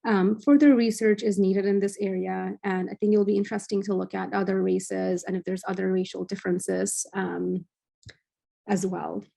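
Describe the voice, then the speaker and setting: Gravelly-voiced woman presenting research. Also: mid-range voice, steady tone, warm tone. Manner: measured, frequent "um" fillers. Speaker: cardiology fellow presenting at journal club. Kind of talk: academic presentation.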